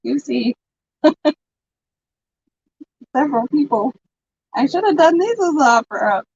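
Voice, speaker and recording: A chatty woman runs a live vintage sale, laughing often as she talks. Her voice sits fairly high and she takes her time. The stream audio is dull and lo-fi, with a dry, close sound. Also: lively intonation, unhurried, vocal fry, darkish tone, a little hiss or hum. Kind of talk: casual live-stream selling chat.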